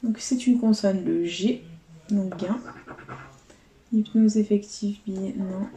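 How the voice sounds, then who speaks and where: Woman vlogger, casual running commentary, mellow tone, echoey room. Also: medium pitch, fairly even intonation, takes it slowly, a little hiss or hum. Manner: chatty, counts out letters and numbers. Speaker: vlogger scratching lottery tickets. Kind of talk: casual commentary while scratching tickets.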